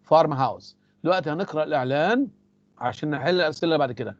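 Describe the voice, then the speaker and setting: Egyptian teacher repeating English phrases slowly. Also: male voice, on the high side, no room sound, dull audio. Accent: Egyptian Arabic. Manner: switches between Egyptian Arabic and slow, careful English examples; repeats key words for emphasis. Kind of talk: recorded lecture explaining English phrases in Arabic.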